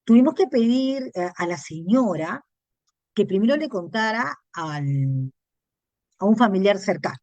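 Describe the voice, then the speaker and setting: A woman's voice: medium pitch, animated, measured pace, darkish tone, no echo. A woman psychologist with a Peruvian Spanish accent lectures at a conference. She speaks in a mid-range voice and keeps it conversational, checking in with tag questions and repeating words as she thinks. The recording is dry and close, with little room sound.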